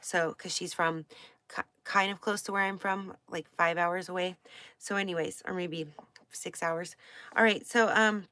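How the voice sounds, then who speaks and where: This astrology teacher, a woman with a slight Pacific Northwest accent, reads from a book and meanders through her commentary, correcting herself and using fillers. Her voice is fairly low and fairly even in intonation, unhurried yet bright and forceful, recorded without room sound.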